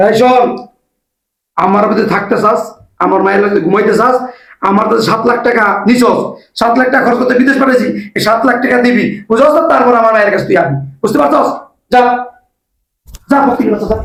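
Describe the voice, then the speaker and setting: A man's voice: very high-pitched, fairly even intonation, fast, a bit bright, reverberant, poor audio. An actor playing a bossy, scornful father-in-law who scolds and insults. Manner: scolding and insulting, repeats himself.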